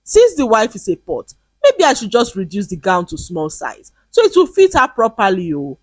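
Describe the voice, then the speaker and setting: A woman's voice: medium pitch, huge pitch swings, normal speed, dry recording. A woman voicing a young woman tailor who makes a sarcastic remark.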